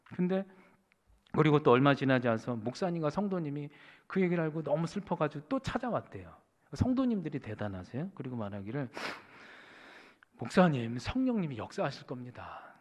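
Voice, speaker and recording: A man preaching as a pastor, telling a story in an animated way and acting out the voices of the people in it. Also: fairly high pitch, a little fast, lo-fi sound. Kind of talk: sermon storytelling. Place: church sanctuary. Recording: church hall with long reverb.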